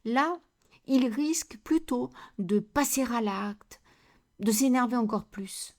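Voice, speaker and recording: A woman coach giving a slow, deliberate educational talk on handling conflict, with many rhetorical questions. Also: fairly high pitch, darkish tone.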